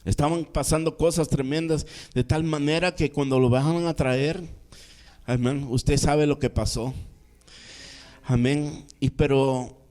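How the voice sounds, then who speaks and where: A male minister preaching a sermon, telling a Bible story dramatically, swinging from soft low asides to raised emphatic lines and calling out amén. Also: fairly even intonation, unhurried.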